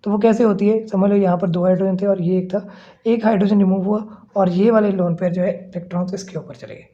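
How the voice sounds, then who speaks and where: A man's voice: high voice, fairly even intonation, fast talker, warm tone. A male chemistry teacher giving a classroom lecture, explaining step by step and often checking that listeners are following. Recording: slightly muffled lo-fi recording.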